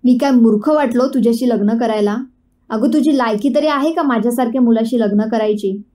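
A cocky, scornful young man trades barbs in a storybook tale, put on by a woman narrator. The voice sits high and mellow, with a taunting, mocking edge. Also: fairly quick, natural voice.

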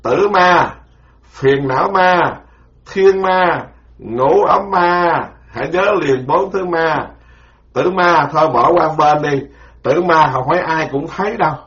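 A Buddhist monk gives a homespun dharma talk, slipping into other voices as he tells stories. His voice sits a little high for a man. The recording is roomy and dull, like an old lo-fi tape. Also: slow, fairly bright tone. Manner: folksy, colloquial, acts out voices in anecdotes. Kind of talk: dharma lecture with storytelling.

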